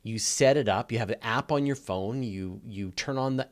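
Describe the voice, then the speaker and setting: Hosting a live question-and-answer session in a space, this man speaks in a mid-range voice at a moderate pace. His explanations are casual, with emphatic stress landing on important words.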